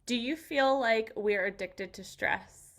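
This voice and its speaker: Woman podcast host, bright clear tone, animated and enthusiastic. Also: on the high side, slow. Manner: animated, enthusiastic, jumps into excited quoted voices. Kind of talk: casual interview chat.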